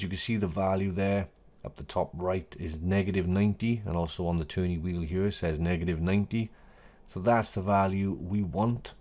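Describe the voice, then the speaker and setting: A man, the host, talking casually through a screen-recorded software tutorial, correcting himself and making small jokes, his voice a little hoarse. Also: sits low. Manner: chatty, self-correcting, jokey asides. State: voice going a bit hoarse.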